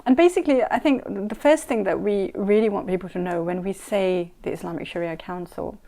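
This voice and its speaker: A gravelly, dark mid-range voice, slightly fast, belongs to a middle-aged woman answering interview questions. A scholar and mediator born in Saudi Arabia and raised between Kenya and London, she is earnest and emphatic and repeats key points for stress.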